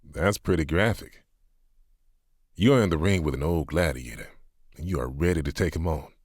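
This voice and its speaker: A man voicing a patient older male pastor who speaks firmly and asks gently sarcastic questions. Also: a bass voice, moderate pace, dry recording, clean studio sound. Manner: firm, instructive, wry questions.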